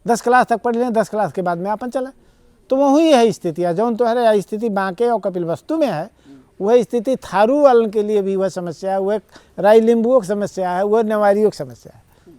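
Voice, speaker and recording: A man's voice: sits high, normal speed, mellow, clean tone, no echo. A man with an Awadhi accent, a guest in a TV interview, arguing his points earnestly in long rambling explanations. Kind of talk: conversational interview.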